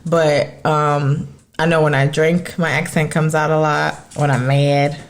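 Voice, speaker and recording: A woman, from the United States with Dominican parents, co-hosting a podcast in casual, animated chat and acting out the people she quotes. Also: low-pitched, measured pace. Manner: animated, laughs often, acts out quoted people. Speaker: podcast co-host.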